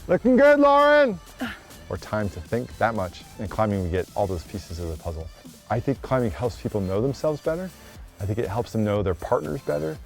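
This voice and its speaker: Casting: male climbing guide, lowish voice, casual and encouraging instruction, recorded outdoors over a music bed. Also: brisk, gravelly, a little mellow. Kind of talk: casual interview talk and on-location instruction. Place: outdoors on wooded trail and cliffs.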